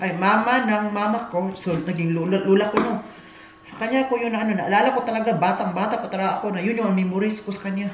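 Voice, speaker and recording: Woman chatting while she cooks, rambly, laughs a lot, echoey kitchen, loud noise behind. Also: medium pitch, highs cut off. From Philippines. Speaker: vlogger. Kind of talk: casual cooking chat.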